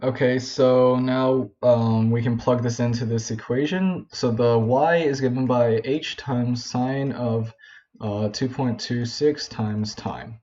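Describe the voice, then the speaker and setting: Casual young man tutoring physics, mellow. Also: medium pitch, fairly even intonation, takes it slowly. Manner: informal, many fillers and self-corrections. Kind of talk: casual whiteboard problem walkthrough. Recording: dull lo-fi home recording.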